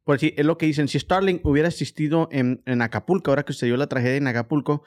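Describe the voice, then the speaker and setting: A man hosting a podcast in a loose, playful chat. His voice sits a little high for a man. He drifts into long rambling tangents. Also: steady tone, darkish tone. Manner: chatty, playful, drawn-out tangents. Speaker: podcast host. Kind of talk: casual chat.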